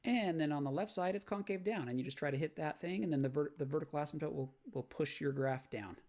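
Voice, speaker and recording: A man's voice: fairly high pitch, quick pace, a little mellow. A man teaching a math lesson on video, explaining graph sketching step by step and checking in with "right?". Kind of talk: recorded lecture walkthrough.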